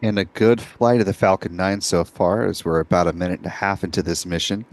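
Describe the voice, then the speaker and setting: A man's voice: low voice, fairly even intonation, a little fast. A man hosting a live stream, giving informative, orderly explanatory commentary.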